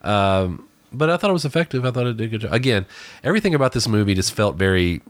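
A man with a very deep voice talks over a film in an easygoing chat, often pausing and restarting as he looks for the right words. The recording is close and dry. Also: sing-song, dry recording. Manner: halting, searches for words. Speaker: podcast co-host reviewing a film. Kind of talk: casual conversation.

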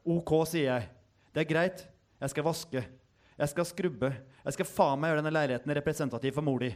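A male author reading his own prose aloud in a measured, deliberate way. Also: fairly high pitch.

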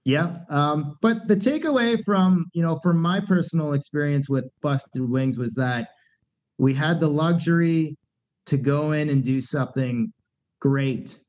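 A middle-aged punk band singer rambles candidly as a guest in a casual podcast conversation, full of fillers and restarts. His nasal voice is on the high side, unhurried and a little mellow, and the podcast recording is dull and lo-fi.

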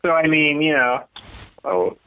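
A man's voice: on the high side, fairly even intonation, a little slow. A man co-hosting a podcast, chatting casually and rambling, laughing often and drifting into conspiracy talk. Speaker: podcast co-host. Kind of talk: casual chat. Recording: tinny phone-like line.

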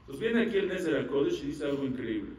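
A rabbi giving an animated Torah lecture, asking the audience questions and answering them himself. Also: male voice, fairly high pitch, fast talker. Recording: echoey room, mic at a distance.

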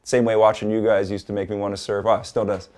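A man from Hawaii, a guest in a casual interview, talking in a relaxed, rambling way with lots of "like" and "you know.". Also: fairly low pitch, fast talker.

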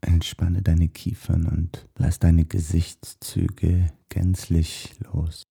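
A man leads a guided meditation in a deep, very dark and mellow voice. His delivery is soft, hushed and soothing, husky with breath, and leaves long pauses between short phrases. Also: monotone. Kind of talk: guided meditation, body scan.

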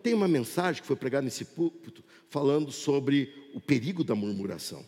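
A man preaching a sermon in a church, shifting from loud emphasis to quiet asides and repeating rhetorical questions. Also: medium pitch, big pitch swings, fairly quick. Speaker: pastor. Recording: long church reverb.

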